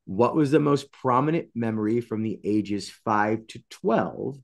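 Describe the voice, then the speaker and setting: A man in his thirties hosting a writer interview on a video call, talking in an animated, expressive way. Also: fairly low pitch, measured pace, vocal fry. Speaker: interview host. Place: home studio with colored light strips.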